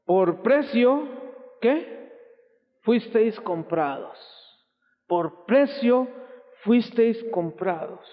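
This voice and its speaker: A man's voice: sits high, expressive, very slow, long pauses. A Mexican man preaching as a pastor, emphatic and exclamatory, telling stories with quoted voices, on an old church recording. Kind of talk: sermon. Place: church hall. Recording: tinny lo-fi 1990s church recording, long hall reverb.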